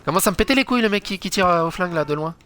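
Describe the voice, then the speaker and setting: A man giving chatty let's play commentary, swearing a lot and breaking into loud exclamations. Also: high-pitched, lively intonation, very fast, a little hiss or hum. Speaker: gaming channel host.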